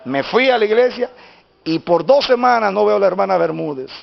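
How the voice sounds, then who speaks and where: Gravelly-voiced male pastor, emphatic sermon. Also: sits high, expressive, brisk. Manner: emphatic storytelling, insistent repetition. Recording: dull lo-fi sermon recording.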